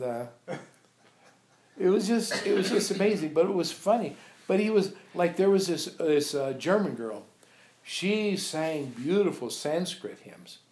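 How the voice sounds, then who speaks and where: An older man with a slightly high, darkish voice informally recounts anecdotes to a small group, acting out quoted dialogue animatedly. He is a monk and abbot recalling his teacher, captured in an echoey room with a few visitors.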